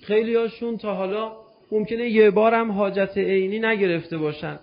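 A man's voice: sits high, fairly even intonation, muffled recording. A man preaching a religious storytelling sermon, emotive and addressing his listeners directly.

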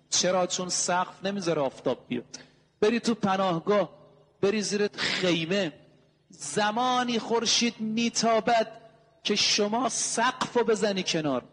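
A man with a high voice delivers a sermon, posing rhetorical questions and stacking up emphatic lists. His voice rings out with a long reverb, as if in a large hall. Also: fairly bright tone. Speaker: preacher.

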